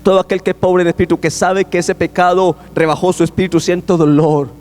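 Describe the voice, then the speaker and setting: Male pastor, high-pitched, repetitive emphatic sermon, long church reverb. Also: little pitch movement, fast, darkish tone. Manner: emphatic, repetitive preaching, rising and falling sharply. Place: church sanctuary. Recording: echoey church hall.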